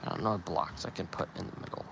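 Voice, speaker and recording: A man's voice: deep voice, fast, vocal fry, low-quality recording. A young man live-streaming, thinking aloud while he builds in a game and asking his chat for opinions. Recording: steady noise behind the voice.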